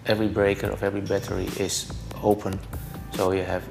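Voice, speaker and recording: A man explains technical work in an interview with a low, gravelly voice. His phrasing is halting and deliberate, his tone flat, with music behind him. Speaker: installation engineer. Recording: music under the voice.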